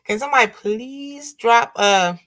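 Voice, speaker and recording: A woman's voice: a little high, sharp tone. A woman hosting a casual livestream chat, reading viewer comments aloud and laughing often. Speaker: livestream host.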